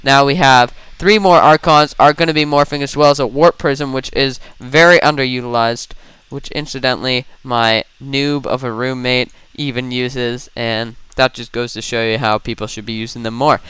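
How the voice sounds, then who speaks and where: Bright, crisp-voiced young man casting a game. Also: mid-range voice, fairly even intonation, no room sound. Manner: fast, rambling, self-mocking asides. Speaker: esports caster. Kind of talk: solo play-by-play game commentary.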